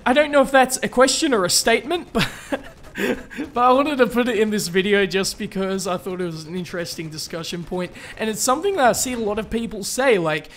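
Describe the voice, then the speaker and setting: A man's voice: high voice, brisk, a bit bright, a little hiss or hum. A young man from Australia hosting a casual gaming Q&A vlog, chatty and upbeat with lots of fillers and restarts. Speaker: gaming YouTuber answering viewer questions.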